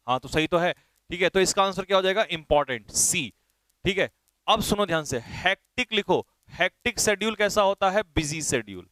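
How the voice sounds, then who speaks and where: Male teacher, brisk and directive, slightly high voice, smooth and resonant, dry close sound. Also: a bit bright, dry recording. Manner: brisk and directive, spells words letter by letter. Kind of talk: online vocabulary class.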